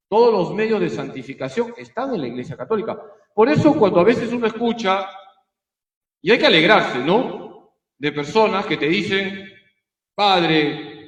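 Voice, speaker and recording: A man's voice: a little high, roomy sound. A man, a priest, teaching a catechism class, emphatic and given to repeating key phrases. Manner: storytelling with acted quotes.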